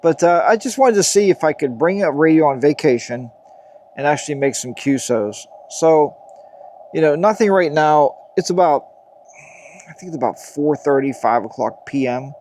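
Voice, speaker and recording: A man chatting casually to viewers as a ham radio hobbyist, muttering to himself in a halting way. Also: a little high, lively intonation, darkish tone, slight background noise. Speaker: amateur radio hobbyist vlogger. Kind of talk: casual vlog chat to viewers.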